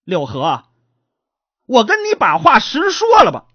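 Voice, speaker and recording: A woman storyteller voicing a firm young wife who speaks reproachfully, with a husky tone. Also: medium pitch, wildly swooping pitch, a little slow, fairly bright tone, no echo, highs cut off, heavily acted. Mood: solemn.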